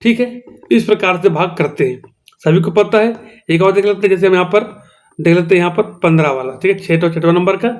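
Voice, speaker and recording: A man's voice: sits high, a little fast. A male teacher with a Chhattisgarhi-tinged Hindi accent, explaining a maths lesson step by step and often checking in with his students. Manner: explains step by step, repeats "theek hai doston".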